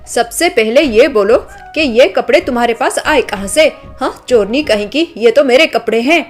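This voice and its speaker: In a storybook drama, a woman plays a haughty, spoiled rich girl who scolds and sneers. Her fairly high voice moves at a measured pace with light acting over soft background music.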